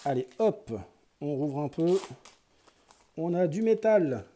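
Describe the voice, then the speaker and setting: A man's voice: a little high, expressive, slow, warm tone, slight background noise. A man giving casual running commentary as he opens sticker packs, chatty and thinking aloud. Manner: chatty, thinks aloud, lots of fillers and sighs. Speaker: YouTuber opening sticker packs.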